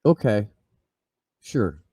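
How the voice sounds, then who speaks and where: Gruff, scruffy man with a low voice. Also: big pitch swings, drawn-out words, mellow, no room sound. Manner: rambling, swears a lot, many fillers and restarts. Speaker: podcast co-host. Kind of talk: casual live-stream chat.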